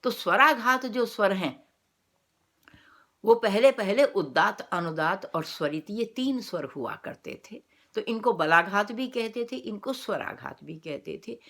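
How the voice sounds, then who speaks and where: Female lecturer, mid-pitched voice, measured explanatory delivery that poses and answers its own questions. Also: fairly bright tone. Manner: explanatory, asks rhetorical questions then answers them. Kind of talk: academic lecture.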